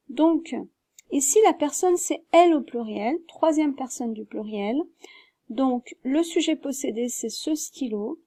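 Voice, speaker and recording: High-voiced patient French teacher woman. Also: warm tone, no room sound, studio quality. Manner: patient, explains step by step, spells words out. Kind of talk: grammar lesson.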